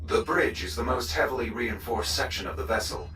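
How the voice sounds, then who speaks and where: A man voicing a calm, polite male ship computer AI in a video game, speaking in an even, measured way. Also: mid-range voice, background noise, close to an everyday voice. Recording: echoey, distant, with game music.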